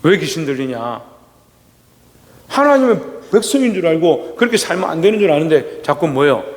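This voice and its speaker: Male pastor preaching to his congregation, pitched a bit high. He poses questions and answers them, rising to loud bursts and dropping to quiet asides, with a long church-hall reverb. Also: big pitch swings, normal speed. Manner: swings between loud, rising exclamations and low asides. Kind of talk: sermon. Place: church sanctuary.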